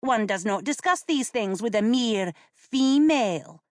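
A woman's voice: sits high, slow, dry recording, clean studio sound, pitched above the performer's own voice, exaggerated voice. Woman voicing a bratty young noble boy. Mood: impatient. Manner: excited, superior, conspiratorial. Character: impatient eight-year-old noble boy, lofty tease.

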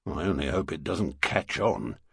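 A man doing a gruff grumbling policeman. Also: a bass voice, expressive, normal speed, no room sound, studio quality, pitched below the performer's own voice, heavily acted. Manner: blunt, grumbling. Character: gruff middle-aged male London policeman.

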